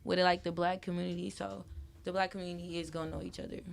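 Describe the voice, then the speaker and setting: Lowish and quick, with some vocal fry, this young woman from Wisconsin is a guest in a casual interview. Her talk is loose and animated, packed with "like," and punctuated by frequent laughter.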